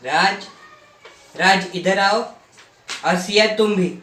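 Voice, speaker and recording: Guy acting as a strict dad scolding his kids, higher voice, roomy and far off. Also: unhurried, pushed and bright, slight background noise. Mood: stern. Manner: stern, scolding. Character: strict middle-aged father of two. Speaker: father in a student skit. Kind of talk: amateur student drama acting.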